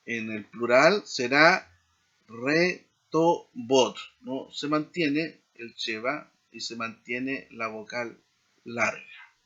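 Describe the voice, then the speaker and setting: A man teaching a seminary class in a slow explanatory lecture, often checking in with tag questions. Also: medium pitch, sharp tone, muffled recording. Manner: frequent tag questions, deliberate pacing.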